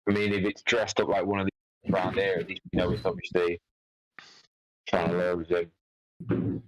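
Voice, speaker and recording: A man's voice: sits low, little pitch movement, normal speed, no room sound, rough recording. A man playing a tabletop game on a headset, asking questions hesitantly and stumbling over his words. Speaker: player.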